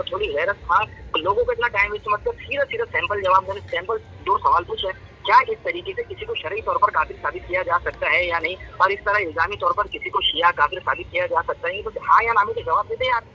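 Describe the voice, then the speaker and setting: A man's voice: high voice, sing-song, brisk, dull audio, a little hiss or hum. A man in a heated religious debate, taunting his opponent and pressing the same question again and again. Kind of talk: heated religious debate over a phone call.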